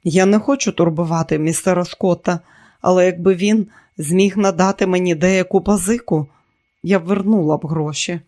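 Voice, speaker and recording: A man's voice: high voice, fairly even intonation, normal speed, a little mellow. A man voicing an independent young woman factory worker in an audiobook, speaking earnestly in a raised voice. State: sleepy.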